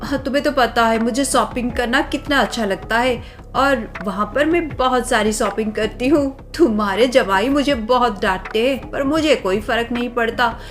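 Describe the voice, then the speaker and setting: A woman with a fairly high pitch speaks at normal speed over faint background music, lightly acting a cartoon role. She voices a scheming, spoiled young wife and sticky-fingered sister-in-law who sweet-talks and boasts.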